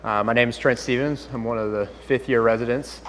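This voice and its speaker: A man's voice: medium pitch, fairly even intonation, a little fast, fairly bright tone, a little hiss or hum. A young man from East Tennessee, a resident moderating a panel and guiding questions. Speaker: moderator, fifth-year resident. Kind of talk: panel discussion.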